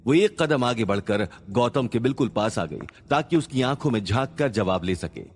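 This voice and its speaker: A man's voice: mid-range voice, animated, moderate pace, husky. A man narrating a suspense story in a dramatic style.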